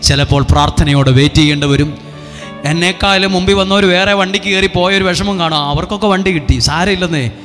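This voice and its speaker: Bright-voiced preacher in an echoing hall. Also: male voice, sits high, brisk, faint music behind. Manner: repetitive, coaxing, leads the crowd in responses. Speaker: priest leading a retreat. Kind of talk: revival sermon with call and response. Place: retreat centre hall.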